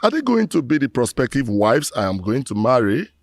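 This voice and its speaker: A repentant man praying to his ancestors in a film drama, solemn and full of proverbs. His mid-pitched voice is gravelly, close and dry. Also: big pitch swings, fairly quick, no room sound. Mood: remorseful. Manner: solemn, proverb-laden, pleading prayer. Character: remorseful middle-aged man pleading to his ancestors.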